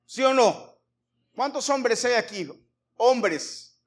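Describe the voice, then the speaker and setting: A middle-aged pastor preaches with a fairly high voice. He is emphatic, repeats key words and keeps asking the congregation questions. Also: expressive, takes it slowly. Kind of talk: sermon. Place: church before a congregation.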